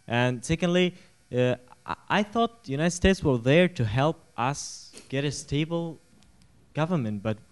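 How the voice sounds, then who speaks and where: A man's voice: a little high, lively intonation, unhurried, clear, resonant tone. A man from Afghanistan in the audience of a university lecture, asking the panel a question in a hesitant, earnest way.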